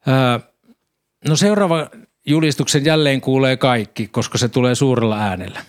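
A man preaching a sermon, calmly explaining scripture and reading passages aloud. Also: mid-range voice.

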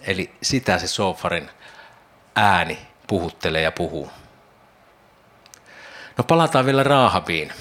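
A man's voice: deep voice, animated, long pauses, fairly bright tone. A man preaching a devotional Bible teaching, reflective, imagining the scene aloud and posing questions to his listeners.

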